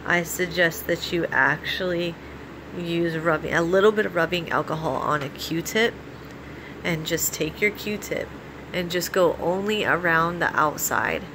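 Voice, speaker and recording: An American woman vlogger talking casually and giving practical advice, explaining things in an informal, halting way. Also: on the low side. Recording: clearly audible steady background noise.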